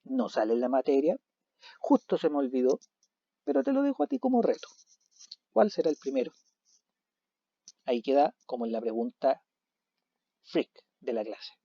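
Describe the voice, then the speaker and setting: Animated male teacher, mellow voice. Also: mid-range voice, normal speed, pauses often, no room sound. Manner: animated, asks questions and answers them himself. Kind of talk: recorded video lesson. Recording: dull lo-fi recording.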